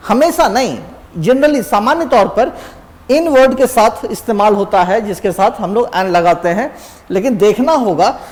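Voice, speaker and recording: In a large hall, a man with a very high-pitched yet darkish voice teaches an exam-prep grammar lesson. He quizzes students with rhetorical questions, answers them himself, and pronounces example words slowly.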